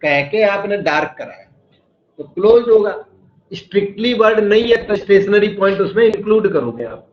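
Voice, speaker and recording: A man's voice: high-pitched, animated, moderate pace. A male maths teacher giving a lecture in a classroom, explaining step by step and quizzing his students. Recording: echoey room, slightly dull sound.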